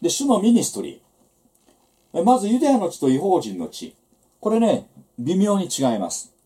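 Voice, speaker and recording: A man's voice: high voice, wildly swooping pitch, moderate pace, mellow. A man giving a church seminar lecture on the Bible, teaching in a conversational way with rhetorical asides.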